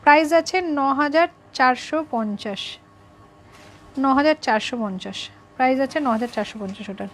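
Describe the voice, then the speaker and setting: A woman's voice: high-pitched, expressive, brisk. A woman, running a live sari sale. She chats with viewers and keeps repeating the prices. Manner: chatty, repeats prices, answers viewers directly. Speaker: boutique owner selling saris live. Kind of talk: live sales stream.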